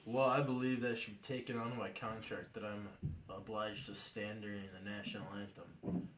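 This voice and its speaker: A man plays a young football player in a homemade skit, earnest and plain-spoken. His voice sits a little low. It sounds distant and roomy, with faint noise underneath. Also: level tone, normal speed, fairly bright tone, close to an everyday voice. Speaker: player in a mock hearing. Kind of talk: amateur school skit acting. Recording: echoey room from far off, faint noise.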